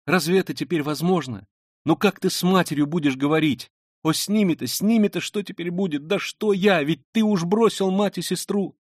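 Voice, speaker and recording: A man's voice: high voice, brisk, no echo, pitched above the performer's own voice. A fervent, pious young woman who begs and implores in trembling bursts, as a male reader lifts his voice for her. The storybook reading sounds dry and close, with no room around it. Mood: despairing. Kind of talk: dramatic audiobook reading.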